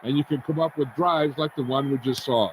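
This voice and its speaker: A man's voice: medium pitch, brisk, close to an everyday voice. A man voicing a football color commentator in a video game, making folksy, opinionated remarks after each play. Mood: casual. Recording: game audio with steady hiss.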